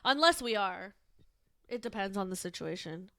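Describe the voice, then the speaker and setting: A woman's voice: mid-range voice, lively intonation, moderate pace, bright, forceful tone, no echo, studio quality. A woman co-hosting a football podcast in loose, rambling chat, full of fillers and casual swearing. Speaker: podcast co-host.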